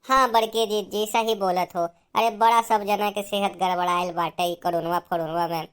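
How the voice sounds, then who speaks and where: A woman's voice: mid-range voice, fairly even intonation, normal speed, clear, resonant tone, close to an everyday voice. A woman voicing a timid, agreeable younger village woman in a cartoon, speaking nervously in an Awadhi accent. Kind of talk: cartoon voice acting.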